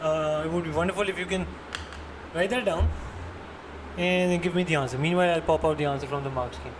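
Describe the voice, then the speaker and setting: A man's voice: on the high side, brisk. Pakistani-accented man tutoring over noisy audio. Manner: encouraging, step-by-step questioning. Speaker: maths tutor. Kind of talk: interactive one-to-one lesson. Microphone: computer mic on online screen-share call. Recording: noisy online lesson audio, background hum.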